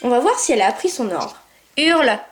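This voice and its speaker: A woman casually talking through a virtual pet game, chatty and excitable, cooing at her puppy and shouting commands. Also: fairly high pitch, racing. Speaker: gameplay video maker. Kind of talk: casual gameplay commentary.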